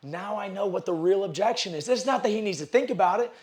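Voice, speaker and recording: A man's voice: fast, a little mellow. A man giving a motivational sales seminar speech in a hall, preaching and calling out to the audience. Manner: high-energy, preachy, calls out to the audience. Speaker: sales speaker.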